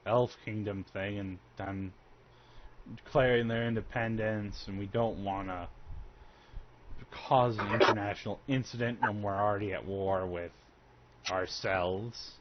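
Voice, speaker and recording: A man narrating and talking in character as a game master in a halting, conversational way, on a dull recording. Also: fairly low pitch, fairly even intonation. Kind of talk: improvised tabletop game narration and in-character talk. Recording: dull lo-fi sound with faint noise.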